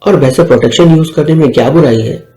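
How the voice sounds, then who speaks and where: A man's voice: a little high, quick pace, dark tone, lightly acted. A man voicing an open-minded middle-aged mother who gives her daughter reassuring advice, in an echoey room with faint music. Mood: advising. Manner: reassuring, lecturing.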